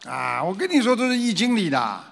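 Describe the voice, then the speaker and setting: A man lecturing an audience on traditional culture, animated and full of rhetorical questions, now and then acting out frightened voices. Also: high-pitched, brisk, vocal fry, long reverb tail.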